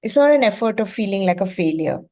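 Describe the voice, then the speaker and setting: Quick-paced and expressive, this woman from India speaks in a mid-range, darkish voice with an Indian accent; Gujarati is her mother tongue. Teaching a reading masterclass, she explains things, repeats phrases for emphasis, and pauses for brief check-in questions.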